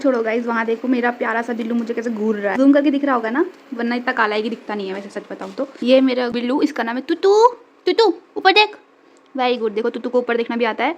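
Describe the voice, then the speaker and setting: A woman's voice: fairly even intonation, fast, few pauses. A young woman from India chatting casually to her viewers while she cooks at home, joking about herself and coaxing her cat. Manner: chatty, self-mocking, talks to her cat in a high coaxing voice. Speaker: vlogger. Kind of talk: casual home vlog chat. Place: home kitchen.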